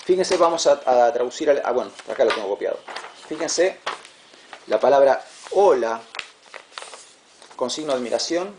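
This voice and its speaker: A man teaching a class, patient and repetitive, checking understanding with quick questions. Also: mid-range voice, animated, a little mellow, slight background noise. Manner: patient, repeats words, asks "¿sí?" to check. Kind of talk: classroom lecture.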